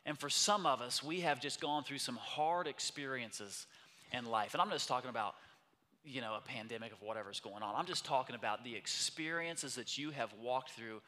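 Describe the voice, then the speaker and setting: A man's voice: mid-range voice, normal speed, pushed and bright. A man preaching a sermon in a church auditorium, talking in a conversational way that swells into passionate emphasis. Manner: passionate, conversational, builds in intensity. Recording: long hall reverb.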